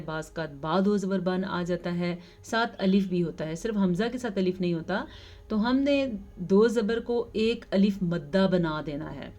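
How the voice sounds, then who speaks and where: A woman's voice: mid-range voice, mellow. Woman teaching Quran recitation in Urdu. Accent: Pakistani Urdu. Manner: patient step-by-step instruction, slow drawn-out recited words. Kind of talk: explaining and modeling recitation.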